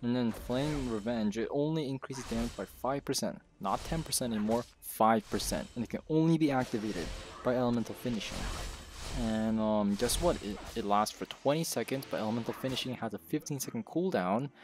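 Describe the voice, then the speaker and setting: Sick and sore-throated, a man records a voice-over for a casual game guide with clear background music and a little hiss or hum. His medium-pitched, darkish voice moves fairly quickly as he rambles candidly, corrects himself and lets out brief laughs.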